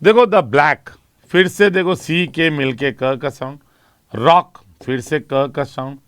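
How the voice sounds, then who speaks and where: A man teaching an English exam class, asking questions and answering them himself and reading example lines slowly. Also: mid-range voice, fairly bright tone, dry recording, studio quality. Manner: explains in Hindi with English terms, asks and answers own questions. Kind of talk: classroom lecture.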